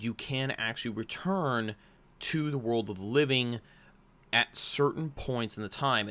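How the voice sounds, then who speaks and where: Host: young American man, low-pitched, casual rambling explainer full of restarts. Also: fairly bright tone. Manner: rambling, with frequent fillers and restarts.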